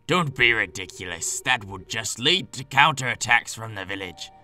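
A man voicing a gruff, scheming male sky pirate in a game playthrough, speaking low and measured. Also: animated, bright, forceful tone, soft background music.

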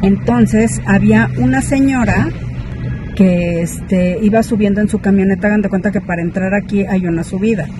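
A woman's voice: medium pitch, normal speed. A woman telling a story to her viewers in a chatty, indignant vlog. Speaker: vlogger. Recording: clear background noise.

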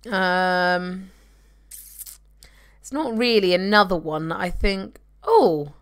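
Her lowish voice is clean in tone and very slow. A young woman at home, she live-streams a game, chatting casually and reading viewer comments into a desk microphone.

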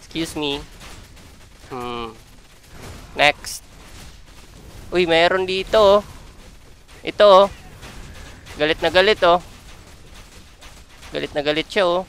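A game streamer with a Filipino accent gives live commentary on his gameplay, full of playful trash talk that mixes Tagalog and English. His voice is a little high and fairly bright, his pace slow with frequent pauses, and there is slight hiss or hum.

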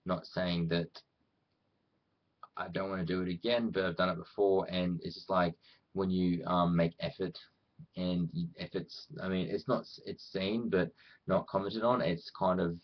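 A deep-voiced Australian man speaks at a moderate pace with fairly even intonation, the recording's highs cut off. In casual talk to camera he rambles, belittles himself, and often acts out imagined quotes for viewers.

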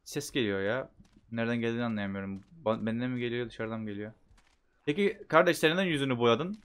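A man giving casual gameplay commentary, chatting to himself and bursting into loud shouts at the game. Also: medium pitch, quick pace, clean tone. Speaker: gameplay streamer.

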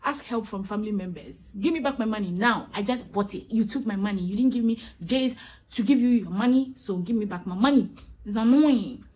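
A woman's voice: medium pitch, fairly quick, darkish tone, slightly rough, rough recording. A young woman venting in a vlog, emphatic and exasperated, repeating her points for effect. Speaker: vlogger. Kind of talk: ranting vlog monologue.

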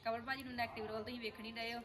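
High, sharp-voiced fast-talking woman. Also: a crowd in the background. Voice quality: sharp, thin voice. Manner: lively, quick, chattering. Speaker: vlogger and actor. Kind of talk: casual chat.

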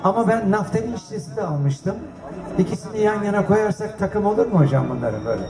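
On a festival stage, an older collector speaking as a guest tells jokey anecdotes to the crowd in a high, lively voice at a quick clip. Crowd noise can be heard, and the live recording has an echo.

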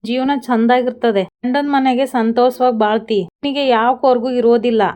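A caring village mother calming her daughter, as a woman narrator puts her on. The voice is clear and smooth, a little high, and stays level in tone. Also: normal speed, lightly acted. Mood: comforting.

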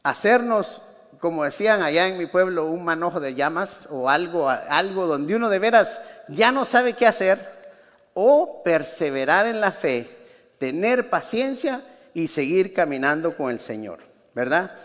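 A man's voice: sits high, big pitch swings, measured pace, a bit bright, long reverb tail. A man preaching a sermon as pastor, in a chatty manner that keeps asking the congregation questions. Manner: conversational, asks the congregation questions. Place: church sanctuary.

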